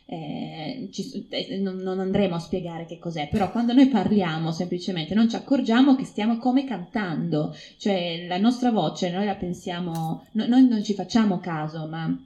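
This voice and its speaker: A woman researcher giving an informal talk to an audience, explaining her field with many pauses and fillers. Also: fairly low pitch, mellow. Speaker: phonetics researcher speaking at an event. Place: room with a live audience.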